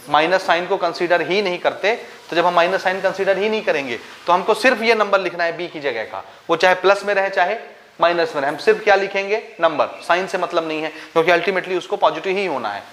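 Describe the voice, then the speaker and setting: This male maths teacher, speaking Hindi with a Chhattisgarh accent and English maths terms, explains every step of a board-style lesson and supplies answers to the questions he puts to the class. His voice is high and a bit bright, with a little hiss or hum.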